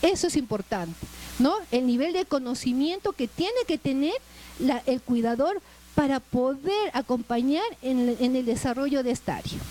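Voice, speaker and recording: Poor audio with a little hiss or hum captures a middle-aged woman from Peru teaching a class at normal speed. Her high-pitched, warm voice moves with lively intonation, and her chatty Peruvian Spanish is dotted with "¿no?" tag questions.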